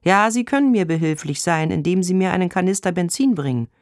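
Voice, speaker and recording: A man's voice: on the high side, moderate pace, no echo, clean studio sound, voice pushed up, close to an everyday voice. A male reader voicing an irritated stranded driver on the phone, impatient and rude, in a storybook reading. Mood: hopeful. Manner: impatient, brusque, insulting.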